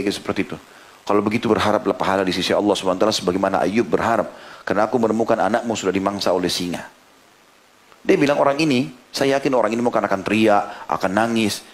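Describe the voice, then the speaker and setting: Fast-talking male preacher telling a story. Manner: animated storyteller, voices the people in the tale with sudden high pitch. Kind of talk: sermon storytelling.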